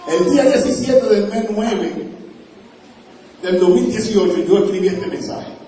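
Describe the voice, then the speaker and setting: A man preaching a sermon, telling an anecdote with lively storytelling and voicing both people in it. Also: high-pitched, unhurried. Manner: animated storytelling, voicing both sides of a dialogue. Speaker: evangelist preacher. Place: church service. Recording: very echoey church, distant mic. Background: congregation responding.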